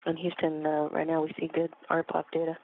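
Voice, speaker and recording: A woman astronaut making brisk, procedural calls over a breaking-up space-to-ground radio link. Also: low-pitched, monotone, no room sound. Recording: tinny, distant, narrow-band radio from orbit.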